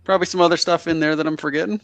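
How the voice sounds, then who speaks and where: A man's voice: a little high, steady tone, racing, fairly bright tone, dry recording. A man chatting casually as co-host of a live stream, greeting viewers and talking with his partner.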